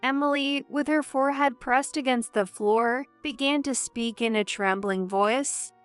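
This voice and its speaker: A woman tells a first-person story in a slow, measured way. Her voice is slightly high, smooth and clear, recorded dry and close with faint music underneath. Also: no echo. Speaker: narrator.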